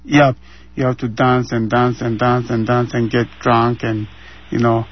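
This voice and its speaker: Heard over a remote line from his home, a man from Ghana in his thirties, with a Ghanaian accent, responds to interview questions in earnest and repeats phrases to stress them. His mid-range voice barely moves in pitch, his pace is a little slow, and the audio is dull.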